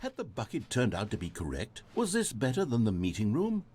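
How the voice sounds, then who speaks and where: A man's voice: mid-range voice, wildly swooping pitch, fairly quick, a little mellow, breathy edge. An actor playing a wry, omniscient video game narrator, a man with a grandiose, articulate, dramatic delivery. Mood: wryly amused. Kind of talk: scripted storybook-like game narration.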